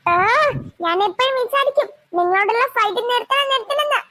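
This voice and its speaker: A woman's voice: very high-pitched, expressive, a little fast, sharp tone, no echo, full character voice. A woman voicing a haughty, taunting rich girl in a cartoon, who mixes in English phrases. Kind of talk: cartoon voice acting.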